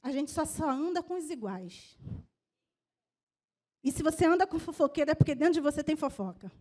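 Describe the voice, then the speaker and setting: A woman pastor with a Brazilian Portuguese accent preaching a sermon in a conversational way, with a slightly strained voice, moving from soft asides to loud exhortation. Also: high voice, lively intonation, moderate pace.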